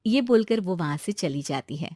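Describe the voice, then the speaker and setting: A woman's voice: on the low side, expressive, normal speed, mellow. A woman reading out a cartoon family story as its narrator. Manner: reads the story aloud and voices every character herself.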